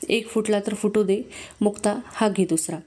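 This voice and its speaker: A woman's voice: medium pitch, fairly even intonation, moderate pace, dark tone, lightly acted. A woman reading aloud and voicing a middle-aged village potter woman who scolds and pleads in rustic speech. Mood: chiding.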